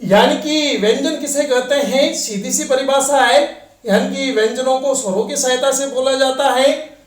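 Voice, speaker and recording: A man teaching a classroom grammar lesson, dictating slowly with long drawn-out pauses as he writes on a board. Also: extremely high pitch, distant mic. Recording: echoey room, voice off-mic.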